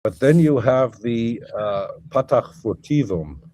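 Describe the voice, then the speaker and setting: Against a noisy background, a male guest scholar explains at length in an academic conversation, thinking aloud with lots of fillers and restarts in a lecturing manner. His mid-range voice has lively intonation, and he takes it slowly.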